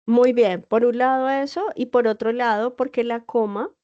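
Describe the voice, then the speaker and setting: A woman's voice: fairly high pitch, fairly even intonation, normal speed. A woman teacher giving an online class, explaining patiently and checking in with her students. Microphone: computer mic on a video call. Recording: dull lo-fi video call audio.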